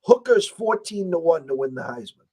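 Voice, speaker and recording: An American man with a hoarse, strained voice that is nearly gone, hosting a casual sports betting talk show. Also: on the high side, very animated, normal speed, darkish tone. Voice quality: husky, strained voice. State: hoarse, losing his voice.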